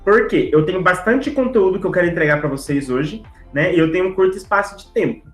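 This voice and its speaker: A man teaching public speaking in an online class, talking fast and lively and checking in with the audience as he goes. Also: high-pitched, reverberant, faint music behind, rough recording. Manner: lively, talks straight to the audience with tags like "tá?" and "né?"; brisk, speeding up on purpose to fit the content in. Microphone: video call setup.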